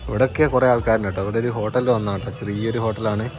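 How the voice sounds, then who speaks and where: A man's voice: lowish voice, fairly even intonation, very fast, darkish tone. A man travel vlogger casually narrating outdoors while walking through hills and a market, chatty and guiding viewers. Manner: chatty, guiding viewers, often tags sentences with "you know". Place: outdoors on a tea estate, hills and a village market.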